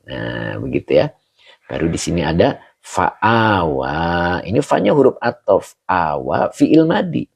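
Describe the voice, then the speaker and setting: A man's voice: low-pitched, vocal fry, darkish tone, breathy edge. A man teaching an online lesson on Quran exegesis and Arabic grammar, greeting viewers by name between points. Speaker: religious teacher.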